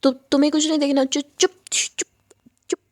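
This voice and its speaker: A woman's voice: high voice, flat delivery, fairly quick, lightly acted. A woman voicing a flustered young woman teacher who scolds in a stammering way. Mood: flustered scolding.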